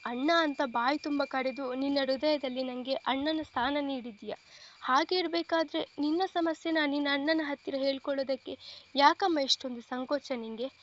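A protective young man, the caring elder-brother sort, comforting and gentle in an audio storybook, as a woman reader puts him on. The voice sits high, and the recording is dull and lo-fi. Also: fairly even intonation, normal speed, slight background noise, lightly acted. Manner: gentle, reassuring, affectionate.

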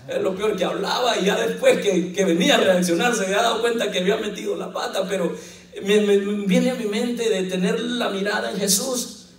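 A man preaching a lively sermon as pastor, telling the story and quoting scripture with jokes along the way. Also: high voice, brisk. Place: church hall. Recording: echoey church, mic at a distance.

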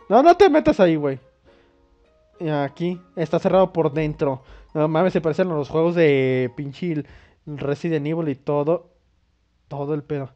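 A man's voice: on the high side, dark tone. A young Mexican man playing a video game, reading its dialogue aloud and cracking crude jokes with lots of swearing. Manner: crude, joking, swears a lot. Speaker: gaming YouTuber. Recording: dull lo-fi mic with faint game music.

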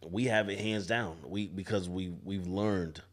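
This low-pitched man talks unhurriedly with fairly even intonation. He's a barber in his forties on a podcast, thoughtful and prone to restarting sentences, taking part in a casual panel discussion inside a barbershop event space with a studio mic on a boom arm.

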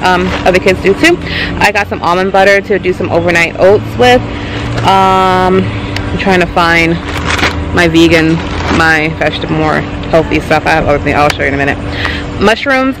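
A woman's voice: lowish voice, moderate pace, noisy background. A young woman chatting casually to her camera in a rambling way with lots of ums and likes, filmed up close in a parking lot. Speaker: vlogger. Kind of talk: casual vlog chat. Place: outdoors in a parking lot by a car. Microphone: handheld camera close to face.

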